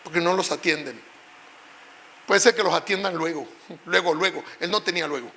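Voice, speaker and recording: A middle-aged male pastor preaching an emotional sermon, telling a personal story and rising at times to shouts. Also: fairly high pitch, normal speed.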